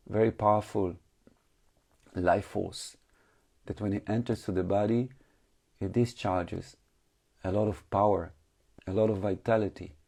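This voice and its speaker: A male meditation teacher guides a session in a lowish, creaky voice, calmly giving short instructions separated by long pauses. His English phrasing sounds slightly non-native.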